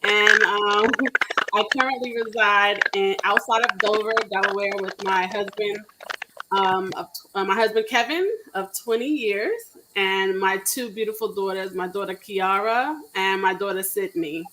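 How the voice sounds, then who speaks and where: A woman's voice: mid-range voice, steady tone, a little slow, noisy background. A woman from New York, a guest author in an interview, chatty and laughing easily.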